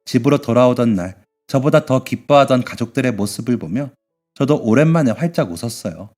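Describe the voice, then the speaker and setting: A man with an ordinary, mid-range voice reads a first-person story in a soft and emotional way. Quiet music plays faintly behind him. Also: mid-range voice, expressive, a little fast.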